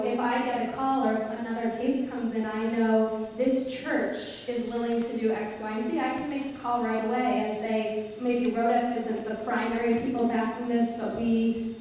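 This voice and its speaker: With a warm, slightly high voice, a young woman leads a Q&A for her congregation in a large synagogue sanctuary. She explains earnestly and unscripted, saying um often into a handheld mic, while a far-off camera picks up the hall's echo.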